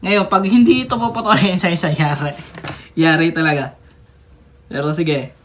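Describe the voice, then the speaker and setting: A young woman giving casual unboxing commentary on a figure, chatty, with excited exclamations and little giggles. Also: low-pitched, moderate pace, a little hiss or hum. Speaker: toy reviewer.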